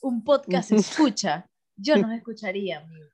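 A woman's voice: mid-range voice, lively intonation, a little mellow, husky. A woman co-hosting a podcast, joking and giggling often. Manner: giggly, joking, drawn-out words. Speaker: podcast co-host. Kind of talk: casual chat.

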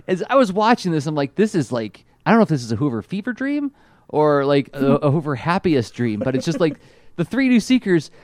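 A man co-hosting a podcast, chatting casually about a cartoon episode, excitable and quick to laugh. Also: a little high, dry recording, studio quality. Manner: excitable, laughs often, animated asides. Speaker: podcast co-host.

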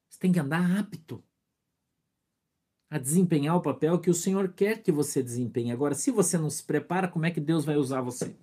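A husky, fairly high-pitched male pastor with a Brazilian Portuguese accent delivers a lively sermon. He acts out everyday scenes in quick voices and keeps pressing the listeners with rhetorical questions. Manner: animated preaching with acted-out scenes and rhetorical questions; greets congregants by name mid-sermon.

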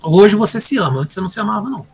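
A man telling a personal story in casual conversation, animated and acting out the voices he quotes. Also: sits high, rapid-fire. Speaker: guest sharing a personal story. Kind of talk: casual confessional chat.

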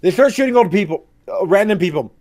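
A man in casual podcast chat, excitable and profane as he recaps movie scenes. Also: sits high, quick pace. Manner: excitable, swears a lot, loud outbursts.

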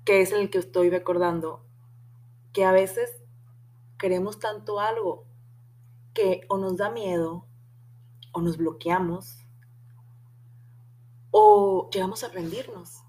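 A woman's voice: medium pitch, steady tone, slow, long pauses, a little mellow. A young woman with a Mexican accent, telling a personal story on her podcast in a chatty, slangy way with the odd curse word. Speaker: podcast host. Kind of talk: casual storytelling monologue.

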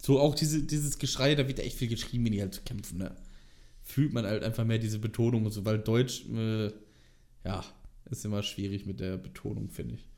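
A man chatting casually on a podcast, explaining things at length with lots of fillers and a lively, enthusiastic manner. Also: on the low side, normal speed. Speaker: podcast co-host. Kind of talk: casual chat.

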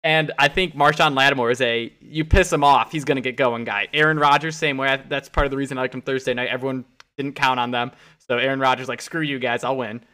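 A man with a bright, forceful voice talks through football picks in a relaxed podcast chat. He gets animated as he acts out quotes, his voice jumping up when he plays other people. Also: mid-range voice, fast talker, clean tone. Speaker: podcast co-host. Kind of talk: casual sports betting chat.

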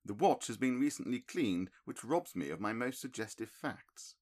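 In this audiobook reading, a man performs a middle-aged male detective who is calm and analytical, laying out his reasoning in a crisp, precise, lecturing way. The pitch sits in the medium range, set above the narrator's own natural voice, and the pace is moderate.

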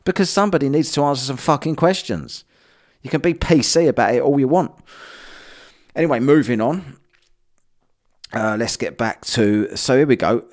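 In casual solo commentary on his own podcast, a man with a mid-range, slightly mellow voice rants bluntly about the news, swearing frequently.

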